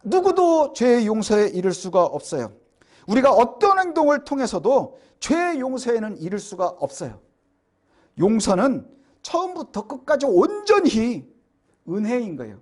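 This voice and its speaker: A man's voice: very high voice, wildly swooping pitch, a little slow, a little mellow. A man preaching a Sunday sermon as a pastor, earnestly explaining and asking the congregation rhetorical questions.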